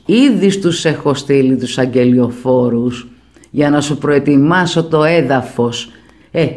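A man's voice: fairly high pitch, a little mellow, natural voice. A man voicing the Lord as a fatherly, reassuring male figure who speaks in a familiar way.

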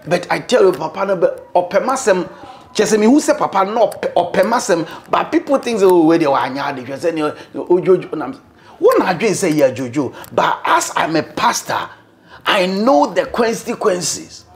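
A middle-aged man with a Ghanaian accent speaks as a guest in an interview, seated indoors. His voice is gravelly and sits a bit high, and he talks in an animated, preacherly way. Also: moderate pace. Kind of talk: casual interview talk, mixing English and Twi. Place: indoor living room, seated on sofa.

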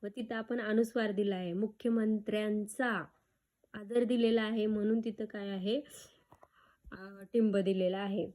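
A woman's voice: mid-range voice, steady tone, mellow. A woman teacher giving a grammar lesson to schoolchildren, sounding out syllables one by one and asking questions back to the class. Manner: slow, syllable-by-syllable drilling with repeated questions.

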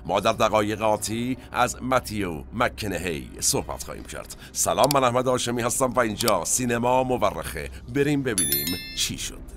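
Guy hosting a film history podcast, chatty storyteller, lowish voice, bit of music under him. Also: expressive, hardly any pauses, a bit bright. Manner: conversational storytelling with asides to listeners. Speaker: podcast host. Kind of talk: narrated cinema history podcast.

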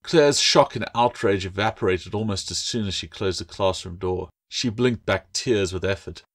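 A man, the author, reading his own fantasy novel aloud in steady, measured audiobook narration. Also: low-pitched.

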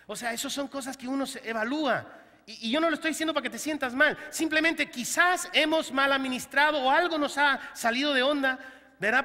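Male pastor, high and very bright voice, humorous sermon delivery with acted-out quotes, long church-hall reverb.

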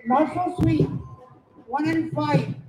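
This middle-aged Indian bingo caller has a very high voice and takes it slowly, reading numbers digit by digit with drawn-out delivery and rhyming nicknames. He's on a microphone at an outdoor evening Diwali party before a stage, where the echoey PA carries loud music and background noise.

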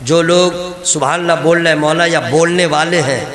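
A man preaching a lively, humorous sermon to a gathering, addressing the crowd directly. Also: a little high, normal speed, reverberant.

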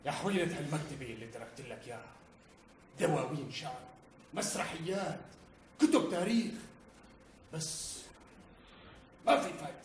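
A man's voice: fairly high pitch, animated, normal speed, long pauses, reverberant, slight background noise. An actor with a Syrian Arabic accent playing an exasperated older father who scolds his son in a theatrical, declaiming stage voice. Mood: bitter. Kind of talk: stage play acting.

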